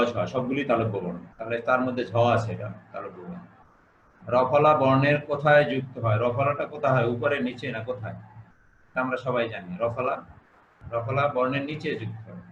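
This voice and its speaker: A man teaching an online grammar lesson, explaining step by step and repeating key words. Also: a bit bright. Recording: echoey room, dull low-fi sound, faint hiss.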